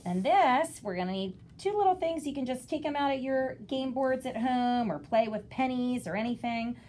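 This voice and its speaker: A woman's voice: sits high, animated, normal speed, darkish tone, a little hiss or hum. A woman kindergarten teacher giving parents an instructional walkthrough, explaining things simply, step by step.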